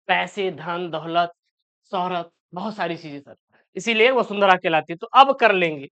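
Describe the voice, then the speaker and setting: A man teaching an exam-prep lesson, reassuring his students and repeating key answers slowly, often asking and answering his own questions. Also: sits high, a bit bright, clear, resonant tone. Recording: dull lo-fi sound.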